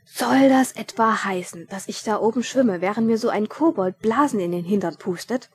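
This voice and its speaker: A woman's voice: medium pitch, normal speed, natural voice. A woman reading aloud, voicing a pompous, indignant nobleman who blusters in outrage. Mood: outraged.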